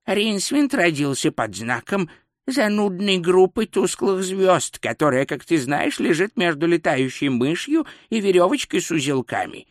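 A man's voice: high voice, big pitch swings, measured pace, no room sound, studio quality, voice pushed up. A man voicing a nervous, fussy court astrologer in an audiobook, hesitant and pedantic. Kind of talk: audiobook character voice.

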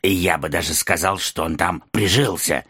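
An actor voicing a fawning, scheming dwarf servant to an evil queen, with a husky voice, in an audiobook. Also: sits low, moderate pace, sharp tone, dry recording, studio quality, exaggerated voice. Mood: servile. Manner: servile, scheming, obsequious. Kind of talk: audiobook character reading.

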